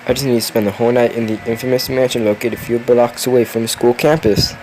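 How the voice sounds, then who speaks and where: A man's voice: mid-range voice, fairly even intonation, quick pace, darkish tone, slight background noise, poor audio. A tired young man reading a spooky story aloud, yawning, with chatty asides and the odd curse. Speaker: story reader.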